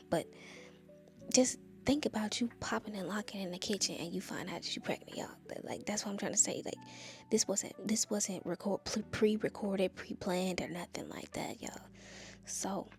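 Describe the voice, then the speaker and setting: A young vlogger from Nashville, Tennessee, chattily shares a personal story with viewers, confiding in them and saying "y'all" again and again. Her voice is mid-range, gravelly, and a little mellow.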